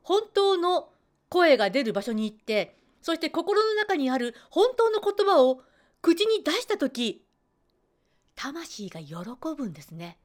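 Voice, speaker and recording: A woman's voice: high-pitched, very animated, measured pace. A woman voice trainer giving a chatty spoken self-help talk, acting out her students as she goes. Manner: chatty, acts out quoted students.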